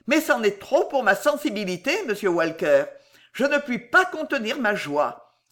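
In an audiobook, a reader voices a sly male servant who gushes with overly sentimental, falsely tearful emotion. The delivery is mid-range and unhurried with lively intonation, pitched above the performer's own natural voice.

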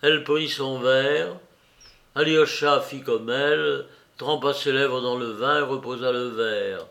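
Slow, measured male audiobook narrator. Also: mid-range voice, fairly even intonation, creaky, a bit bright, roomy sound. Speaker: audiobook reader. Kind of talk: scripted narration of a novel.

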